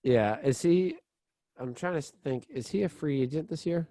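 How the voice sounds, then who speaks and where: A man co-hosting a casual sports podcast, excitable, rambling and full of "like" and restarts. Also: a little high, normal speed, no room sound. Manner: excitable, laughs easily. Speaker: podcast co-host.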